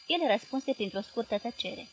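A woman reading a novel aloud as an audiobook narrator, steady and measured. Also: on the high side, slightly rough, dull audio. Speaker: audiobook reader. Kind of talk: scripted narration.

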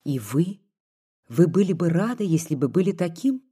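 A devoted, tearful young peasant woman, voiced by an audiobook reader pleads in a soft, earnest way. The tone is dark and mellow with a husky edge. It sounds like a quiet storybook reading. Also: mid-range voice, big pitch swings, moderate pace.

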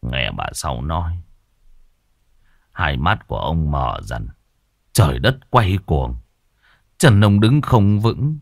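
A man voicing a grieving, poor old grandfather in a ghost story, speaking in a heavy, weary, halting way. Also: low-pitched, big pitch swings, a bit bright, no room sound, studio quality, voice pushed down, heavily acted.

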